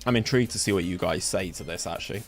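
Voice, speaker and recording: Racing through his words in a low voice, a young West Country streamer from England offers casual live commentary as he games, chatting and reacting to his chat. Soft music plays, and a fan runs in his home room against the summer heat.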